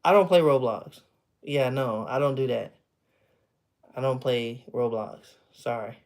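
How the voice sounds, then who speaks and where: At home, with memorabilia behind him, a man in his thirties chats loosely with livestream viewers. He speaks a little slowly in a medium pitch, laughing a lot and often trailing off mid-thought.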